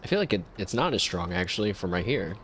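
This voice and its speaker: Low-voiced man chatting over gameplay. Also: big pitch swings, fast, a bit bright, slight background noise. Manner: chatty, jokey, self-mocking. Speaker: gameplay commentator. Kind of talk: casual let's-play commentary.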